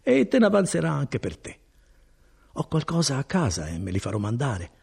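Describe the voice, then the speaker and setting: A man's voice: normal speed, gravelly, breathy edge, heavily acted. A man voicing a good-hearted, talkative male cousin and foreman in an audiobook reading. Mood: generous. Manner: chatty and animated, swinging between high and low.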